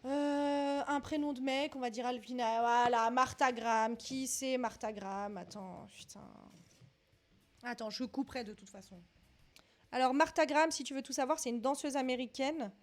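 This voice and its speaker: A woman's voice: high-pitched, normal speed. Chatty young woman thinking aloud. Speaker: vlogger doing a dance quiz. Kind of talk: casual quiz commentary.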